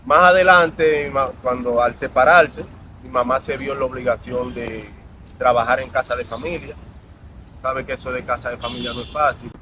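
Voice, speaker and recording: An interview guest from the Dominican Republic earnestly and reflectively recounts his life story. His medium-pitched voice has a sharp tone, fairly even intonation and a moderate pace. The audio is poor, with outdoor traffic noise.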